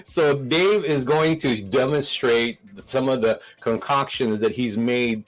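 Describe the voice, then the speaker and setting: A man's voice: medium pitch, takes it slowly, poor audio. A man hosting a live stream, talking casually with many restarts and a nervous laugh.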